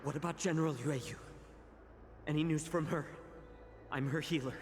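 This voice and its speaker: A man playing a devoted, anguished battlefield healer in a game, speaking with soft-edged urgency and resolve. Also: on the high side, fairly even intonation, moderate pace, long reverb tail, slight background noise, natural voice. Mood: anxious concern. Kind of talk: dramatic game voice acting.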